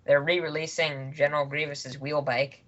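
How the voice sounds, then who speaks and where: A man's voice: a little high, little pitch movement, moderate pace, a bit bright. A man co-hosting a podcast, casually sharing news about upcoming toy sets in an easygoing, good-humored way. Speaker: podcast co-host. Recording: dull lo-fi podcast recording.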